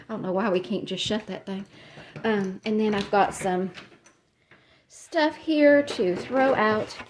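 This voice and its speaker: A woman at an ordinary middle pitch talks her way through a casual decluttering vlog, rambling and laughing at her own slips. She sounds a little out of breath as she moves from room to room, recorded on a handheld camera in her own cluttered house. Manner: chatty, rambling, laughs at herself. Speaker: vlogger. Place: cluttered home, moving between rooms.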